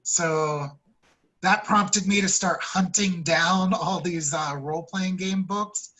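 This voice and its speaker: A man co-hosting a podcast, explaining in halting casual chat full of fillers. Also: sits high, bright, forceful tone, poor audio. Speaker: podcast co-host.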